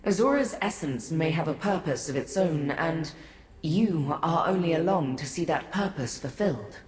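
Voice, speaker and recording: Voicing an ancient deity-like figure in a fantasy game, an actress uses a low, animated voice with a darkish tone. She sounds grave and composed, delivering formal, measured scripted lines full of cryptic, haughty condescension to mortals, with heavy echo and long reverb.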